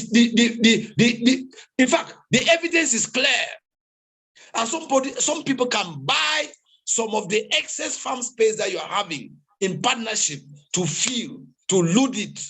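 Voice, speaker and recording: Husky man preaching on a video call. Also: very high voice, fairly bright tone. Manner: preachy, exhorting crowd, repetitive. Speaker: online meeting host. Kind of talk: motivational talk on a video call.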